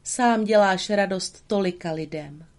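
A woman voicing a gentle, graceful fairy in a storybook reading, speaking softly and solemnly. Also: medium pitch, close to an everyday voice. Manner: soft and solemn.

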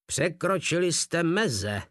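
A man's voice: fairly high pitch, very animated, fairly bright tone, dry recording, clean studio sound, pitched above the performer's own voice. A man voicing a small, pompous old field marshal who spits out his words with contempt, in an audiobook reading. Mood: scornful.

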